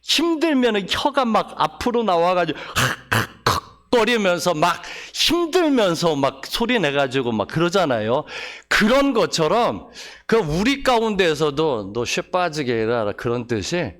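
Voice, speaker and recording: A man preaching a Sunday sermon as pastor, reading scripture solemnly and asking the congregation questions. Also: high voice. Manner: lively, talks straight to the congregation with questions; reads scripture slowly and solemnly.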